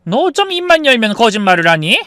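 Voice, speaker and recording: A man putting on a shrill outraged old mother-in-law. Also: sing-song, fast, bright, forceful tone, no room sound, studio quality, full character voice. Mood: bitter. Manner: shrill protesting outbursts. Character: indignant older mother-in-law, sharp and wounded.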